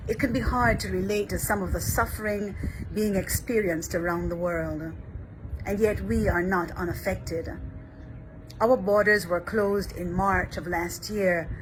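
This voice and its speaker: Woman priest, measured reflective delivery, steady noise behind. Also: mid-range voice. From Barbados. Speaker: Episcopal priest. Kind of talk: scripted reflection.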